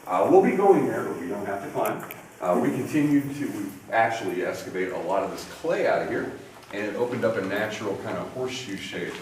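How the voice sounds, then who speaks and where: A man's voice: fairly low pitch, expressive, fairly quick, a little mellow. A man working as a cave tour guide, giving informal explanatory commentary with trailing sentences, his voice echoing in the cave. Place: inside a limestone cave. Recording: echoing cave, distant mic, faint noise.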